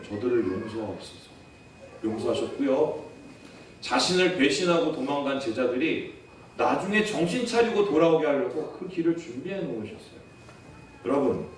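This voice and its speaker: Earnest pastor preaching in echoey church. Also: male voice, medium pitch, a little hiss or hum. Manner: earnest and storytelling, with rhetorical questions. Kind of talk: sermon. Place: church sanctuary. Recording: echoey church hall from far off.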